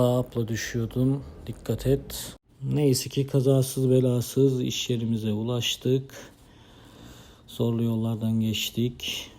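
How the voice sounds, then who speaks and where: A man with a mellow, soft-edged voice narrates a motovlog in a level, barely varying tone. His humour is wry and deadpan, told like a running story with folksy sayings. Some steady ambient noise sits behind his mid-pitched voice.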